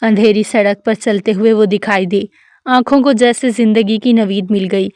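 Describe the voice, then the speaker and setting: Smooth-voiced woman reading a novel. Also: mid-range voice, fairly even intonation, a little mellow, dry recording, clean studio sound. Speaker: novel reader. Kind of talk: scripted narration of a romance novel.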